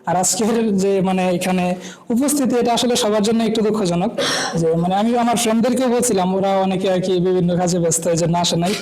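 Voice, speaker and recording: Rambling young man, high quick voice. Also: warm tone, slight background noise, low-quality recording. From Bangladesh. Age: young adult. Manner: rambling, constant "I mean" fillers. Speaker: new university student. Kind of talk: introducing himself at a student gathering.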